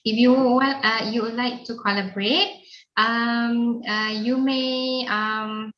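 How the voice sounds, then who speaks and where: A woman's voice: on the high side, fairly even intonation, slow. A woman with a Malaysian accent, a guest lecturer speaking informally on an online call. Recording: echoey, dull, noisy video call.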